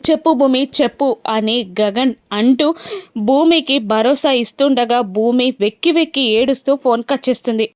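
Woman retelling a tv serial, slightly high voice, steady. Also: normal speed, no echo, studio quality. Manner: steady, storytelling. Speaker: serial recap narrator. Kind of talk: storytelling recap narration.

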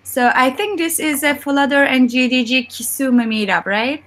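A woman's voice: high-pitched, normal speed, a bit bright, slight background noise. A woman from Turkey with a Turkish accent, Turkish her first language, giving a casual, chatty talk over a video call with many fillers. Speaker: guest speaker. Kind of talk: casual talk at an online meetup.

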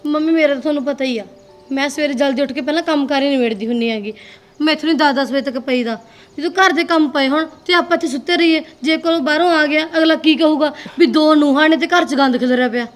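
An actress playing a resentful young daughter-in-law who argues and complains. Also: female voice, high-pitched, fast talker, close to an everyday voice. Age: young adult. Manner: complaining, argumentative.

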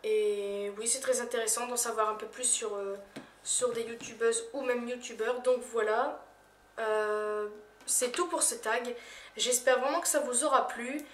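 Young woman chatting through a vlog tag, slightly high voice, lots of ums, sounds a bit far from the mic in a roomy bedroom. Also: fairly even intonation, unhurried, slight background noise. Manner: hesitant, many fillers, soft trailing phrases. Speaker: YouTuber. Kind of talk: casual vlog tag answering questions. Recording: echoey room, voice a little far from the mic.

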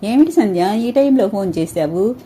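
A woman's voice: mid-range voice, animated, dark tone, husky. Woman reading as an alarmed young woman. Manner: hurried, anxious questioning.

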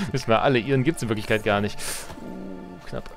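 A man's voice: mid-range voice, animated, moderate pace, gravelly, over music. A man streaming a strategy game, giving casual, chatty commentary, joking and muttering to himself as he plays. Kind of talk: casual let's-play commentary.

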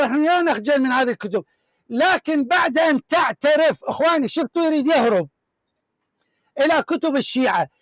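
A man's voice: extremely high pitch, fairly bright tone, dry recording. A man hosting a heated religious debate, reading from books in an emphatic, repetitive, declaiming way. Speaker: show host debating a caller.

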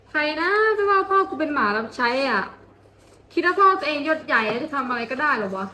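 A proud, easily offended rich girl, played by a young woman in an amateur student drama. She talks fast and high, with a lot of rise and fall. The voice echoes in a room with loud music behind it. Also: sing-song, a little hiss or hum, full character voice. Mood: indignant. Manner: defensive, accusing. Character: proud, touchy daughter of a powerful father. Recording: roomy echo with loud background music.

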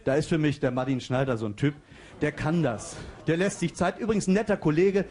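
Brief: man, stand-up comedian, high voice, lively and chatty on stage. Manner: chatty, lively, quick asides. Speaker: comedian and impressionist.

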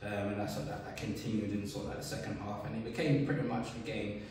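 A man, a football manager giving a relaxed post-match interview full of fillers. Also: fairly low pitch, fast talker, a little hiss or hum. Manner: relaxed, many fillers and "sort of". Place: bare indoor room by a wall, seated. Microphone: camera a few feet away. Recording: echoey room from far off.

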